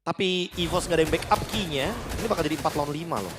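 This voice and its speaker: A man's voice: fairly high pitch, racing, noisy background. A man with an Indonesian accent giving analytical live commentary on an esports match. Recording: music behind the voice. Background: music.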